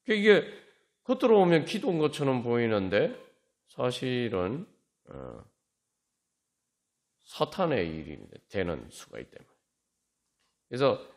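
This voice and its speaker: A male pastor giving a conversational sermon at a prayer meeting, often acting out sample prayers in quoted voices. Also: lowish voice.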